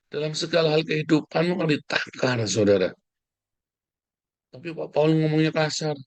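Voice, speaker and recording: A middle-aged man, preaching a fiery sermon in a scolding, combative way that swings between loud outbursts and hushed asides. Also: on the high side, expressive, moderate pace, no room sound.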